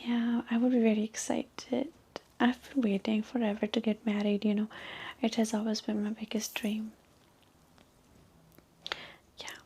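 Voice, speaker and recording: A gossipy young Indian woman with an Indian accent murmurs in a soft, breathy whisper on a marriage date, as a woman acts her out for ASMR. She rambles and brags in a mellow, flat tone that sits fairly high. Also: a little slow, long pauses. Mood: boastful whisper.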